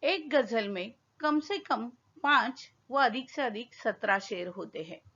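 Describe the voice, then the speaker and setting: Casting: woman schoolteacher, slow patient explainer, muffled lo-fi sound. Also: fairly high pitch, animated, pushed and bright, husky. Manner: slow, patient classroom explaining with questions to pupils. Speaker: school teacher. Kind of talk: Hindi lesson explaining a poem. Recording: dull lo-fi recording.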